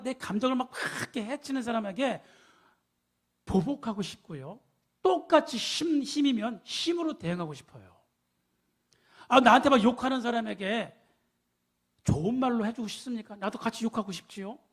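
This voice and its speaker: A man's voice: very high voice, vocal fry, husky. A man preaching a sermon, emphatic, asking the congregation rhetorical questions. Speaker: pastor.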